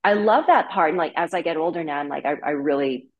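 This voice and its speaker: A Canadian woman in her thirties, appearing as an interview guest, tells her story in casual conversation. Her voice is low and her pace quick, and she speaks loosely and candidly, leaning on fillers like "like" and "you know." The sound is phone quality.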